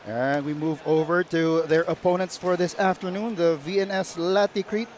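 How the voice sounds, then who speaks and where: A man's voice: on the high side, fairly even intonation, moderate pace, slight background noise. A man with a Filipino accent hosting live sports commentary as a play-by-play broadcaster.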